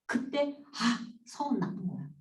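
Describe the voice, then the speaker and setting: A woman psychology lecturer tells classroom stories with a bright, rather high voice that swings widely in pitch. She keeps slipping into the voices she quotes. She sounds set back from the mic in a roomy space. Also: a little slow, far from the mic. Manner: animated, acts out quoted voices. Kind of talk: storytelling lecture.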